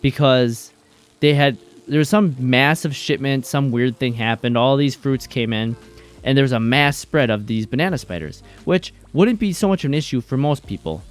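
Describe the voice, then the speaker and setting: A male streamer telling stories in casual chat while gaming, animated and swearing freely. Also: medium pitch, normal speed, soft background music.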